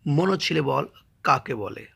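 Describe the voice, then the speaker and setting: A man with a Bangladeshi accent teaching an English grammar lesson and sounding out words slowly, syllable by syllable. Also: a little high, expressive, creaky, a bit bright, slightly rough. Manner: slow, spells words out syllable by syllable.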